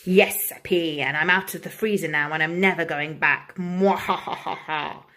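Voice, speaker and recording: A woman's voice: low-pitched, steady tone, normal speed, pushed and bright. A woman reading a children's storybook, voicing a small, sneaky, gloating evil pea with a villainous cackle.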